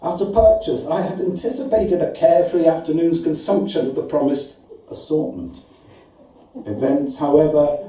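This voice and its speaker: At a live reading in an indoor arts venue, a man with a slightly high, dark-toned voice lightly acts a pedantic, pompous, aggrieved customer reading a wordy complaint letter as a comic story. The delivery is formal, precise and mock-serious, captured in a roomy, distant live recording before an audience.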